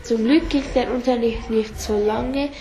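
A woman reading a children's story aloud, halting and stumbling over words now and then. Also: on the high side, music in the background. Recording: roomy echo, faint background hiss.

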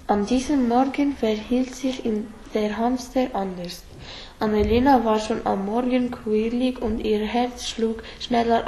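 A woman's voice: fairly high pitch, warm tone. Woman reading a story in a roomy echo. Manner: halting, stumbles over words. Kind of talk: reading a children's story aloud. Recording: roomy echo, faint background hiss.

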